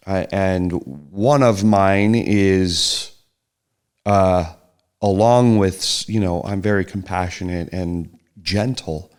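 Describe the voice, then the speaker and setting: A middle-aged man, appearing as a podcast guest and the host's partner, reflects softly in a casual chat, hesitating, restarting often, and trailing off. His voice sits on the low side, clear and resonant.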